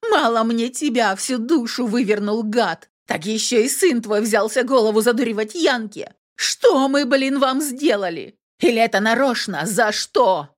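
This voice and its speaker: A woman reading an audiobook, voicing a hot-tempered young woman who shouts in indignation. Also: a little high, big pitch swings, moderate pace, few pauses, pitched above the performer's own voice. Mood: furious.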